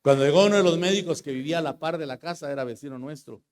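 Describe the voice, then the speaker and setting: A middle-aged man preaching a sermon as pastor, moving from quiet testimony to loud, fervent praise. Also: a little high, very fast, clear, resonant tone. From Guatemala. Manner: swings from hushed storytelling to loud shouted praise.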